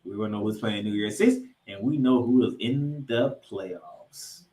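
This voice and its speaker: Warm and unhurried, this American man's fairly low voice carries his football podcast as he recaps recent action and previews what's next in an emphatic, colloquial style. The audio has a roomy, echoing quality.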